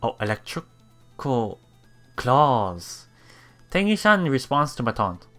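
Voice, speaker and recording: Reading visual novel text for a let's play, this man speaks in a medium-pitched voice with big pitch swings, bright and forceful. He stumbles and repeats words haltingly, mixes in his own reactions, and game music plays beneath his voice.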